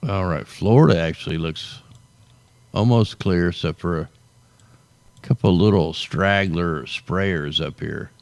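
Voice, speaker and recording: Low and creaky, his voice moves at an unhurried pace in a recording with no room sound. He's a worn-out host whose voice is going, riffing casually on the weather over satellite maps and tacking a drawled "man" onto his sentences.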